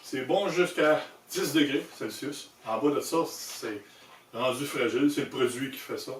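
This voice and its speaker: A man with a Québécois French accent giving an informal hands-on product demonstration, explaining in a halting way with self-corrections. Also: mid-range voice. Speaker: presenter demonstrating motorcycle gear he designed. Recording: echoey room, distant mic, handling noise.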